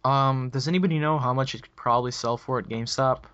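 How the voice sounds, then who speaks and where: A man's voice: medium pitch, quick pace, a bit bright, highs cut off. A young man hosting a casual podcast, rambling with many ums and restarts over a voice call. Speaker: podcast host.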